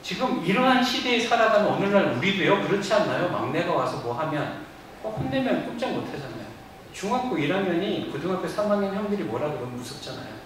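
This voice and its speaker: A man pastor giving a lively sermon in a church, acting out quoted lines as he goes. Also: high voice, fast, a little hiss or hum. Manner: animated preaching with acted-out quotes. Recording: echoey church sound from a distance.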